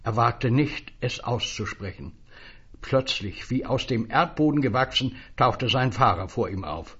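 Husky male storyteller, lively reading. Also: medium pitch, unhurried, muffled recording.

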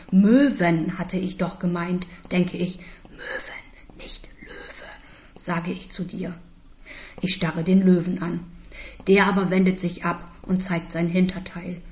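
A woman reading a first-person story aloud in a calm, slow voice, dropping to a whisper for some spoken lines. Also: on the low side. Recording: dull lo-fi recording.

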